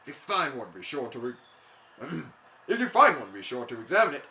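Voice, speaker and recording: A let's player voicing an excitable male rock creature, with a laid-back surfer drawl and a bit of hillbilly twang, who keeps calling the listener "bud.". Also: mid-range voice, fairly quick, roomy sound, slight background noise.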